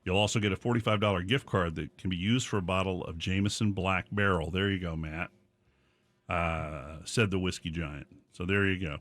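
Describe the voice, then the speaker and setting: A man hosting a radio morning show, chatting casually and telling rambling, animated stories in the studio. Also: low voice, normal speed, no room sound.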